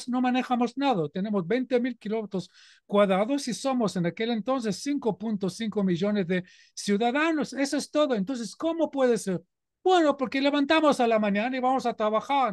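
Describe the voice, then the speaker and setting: High-voiced, earnest man with an Israeli accent. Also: no room sound, studio quality. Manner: earnest and emphatic, with frequent rhetorical "¿no?". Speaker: guest speaker. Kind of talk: informal talk to a community audience.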